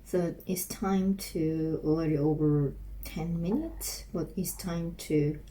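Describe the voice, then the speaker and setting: A middle-aged woman with a Korean accent, practicing English phrases aloud, repeating each one slowly with frequent restarts. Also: deep voice, mellow, a little hiss or hum. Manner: slow, repeats phrases over and over, halting with restarts. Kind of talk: self-recorded English speaking practice.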